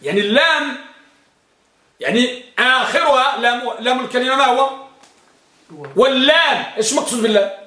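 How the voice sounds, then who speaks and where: A man's voice: very high voice, brisk, pauses often, bright, forceful tone, reverberant. A man teaching Arabic grammar. He quizzes his students and stretches out words to drive a point home. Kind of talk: Arabic grammar lesson with question-and-answer drill.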